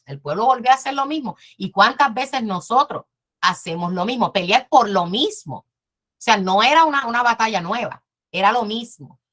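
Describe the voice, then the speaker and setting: A woman's voice: a little high, animated, moderate pace, a bit bright. A woman teaching a Bible class in an earnest, emphatic way, often repeating her phrases.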